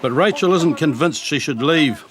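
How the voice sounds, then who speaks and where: A man's voice: fairly high pitch, expressive, moderate pace, a crowd in the background. A man with a New Zealand accent reading scripted documentary narration.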